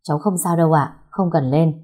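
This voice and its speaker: A woman voicing a brave, stubborn young boy who speaks with calm, low-key reassurance. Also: a little fast, husky. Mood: gentle.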